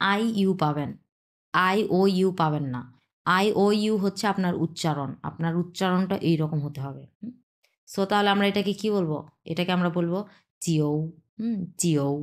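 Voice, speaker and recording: Woman teacher, lowish voice, patient lesson delivery, repeats each sound to model it. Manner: mixes English words into Bengali. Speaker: language teacher. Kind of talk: explanatory language lesson.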